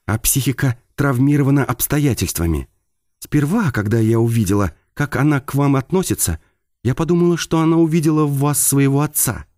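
A man reading a novel aloud, voicing a sharp-tongued female talking bird in a hushed, scolding manner. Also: mid-range voice, no room sound, clean studio sound, voice pushed up, natural voice.

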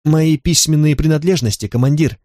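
A man voicing a calm young recruit. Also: fairly high pitch, fairly quick, dry recording, studio quality, natural voice. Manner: calm, polite.

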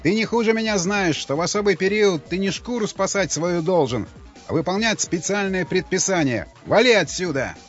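Brief: a barking gate soldier, raised and loud, as a male reader puts him on, muffled audiobook sound with faint music. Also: high voice, animated, moderate pace, pitched above the performer's own voice. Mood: scornful. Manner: shouting orders.

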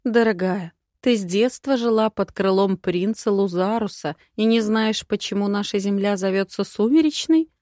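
A woman's voice: medium pitch, moderate pace, few pauses, dark tone, no echo, studio quality, natural voice. A woman voicing a commanding noble lady who gives emphatic orders and fusses over a girl. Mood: coaxing. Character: commanding noble matron, stern yet doting.

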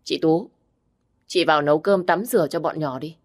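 A woman voicing a meek, deferential sister-in-law who talks softly. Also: low voice, normal speed.

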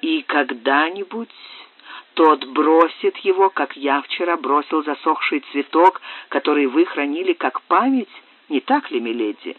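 A man reading an audiobook, voicing a proud, wounded young English lord who speaks in a slow, measured, coldly formal way. The sound is tinny and dry. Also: a little high, lively intonation, no room sound.

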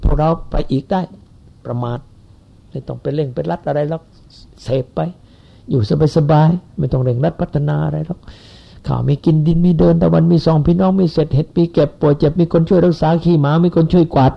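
A man's voice: fairly high pitch, steady tone, fairly quick, vocal fry. A man in his seventies giving a rambling, folksy Buddhist sermon to followers. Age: 70s. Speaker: Buddhist teacher. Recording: lo-fi dull recording.

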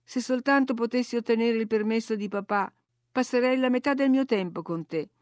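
A woman voicing a headstrong, quick-tempered teenage girl in an audiobook reading, earnest and indignant. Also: fairly high pitch, darkish tone, no room sound, studio quality, voice pushed up, lightly acted. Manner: earnest, then hotly indignant.

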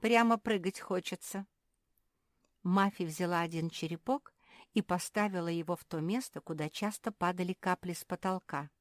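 A woman narrating a children's story in an even, storytelling manner, close to the mic. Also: lowish voice, a little fast, no echo.

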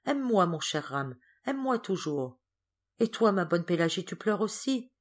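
A woman's voice: medium pitch, big pitch swings, moderate pace, voice pushed up. A woman voicing a frail, tearful young girl who speaks in a pleading, breathless way in a storybook reading. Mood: tender.

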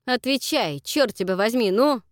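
A woman reading an audiobook, voicing a blunt, demanding adult man who talks gruffly. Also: high voice, expressive, moderate pace, dry recording, clean studio sound. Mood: harsh. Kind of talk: audiobook character voice.

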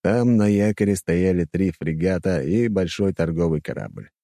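A man narrating a fantasy audiobook in the first person with expressive storytelling. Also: sits low, moderate pace, no room sound, clean studio sound.

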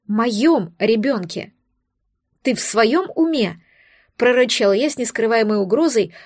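A woman reads a first-person fantasy romance with steady, expressive storytelling. Her voice sits a little high, and she is recorded close on a studio mic. The sound is dry, with no room around it. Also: no echo. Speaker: audiobook narrator.

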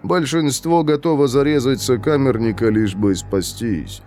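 A man voicing a calm, detached young male prisoner in his twenties who speaks slowly and in a measured, lecturing way. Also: mid-range voice, faint music behind, lightly acted. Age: 20s.

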